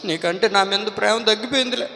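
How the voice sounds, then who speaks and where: Sulky shrill young woman nagging her man, a preacher doing the voice, lots of hall echo. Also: brisk, vocal fry, pushed and bright, exaggerated voice. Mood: sulking reproach. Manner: whiny, reproachful, shrill. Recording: echoey church hall.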